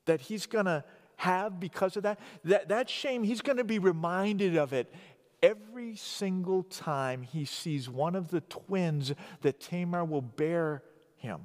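A man's voice: fairly high pitch, long reverb tail. A man preaching a sermon, retelling a story in a conversational, dramatic way.

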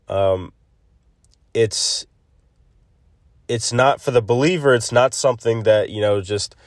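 A man hosting a casual solo devotional podcast, thinking aloud haltingly, recorded on a phone's built-in mic instead of a proper microphone. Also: medium pitch, dry recording. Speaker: podcast host. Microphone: built-in phone mic, no separate microphone. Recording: close, dry phone recording.

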